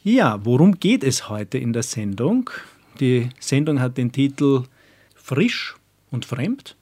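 A man's voice: mid-range voice, sing-song, slow, darkish tone. A man hosting a community radio show for young people, asking friendly, encouraging questions. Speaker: radio host. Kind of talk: radio interview.

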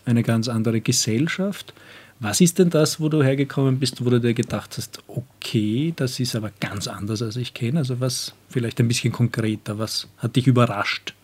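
On a community radio program for youth, the host asks warm, encouraging questions during an interview. His mid-range voice moves at normal speed, with a darkish tone and a breathy edge.

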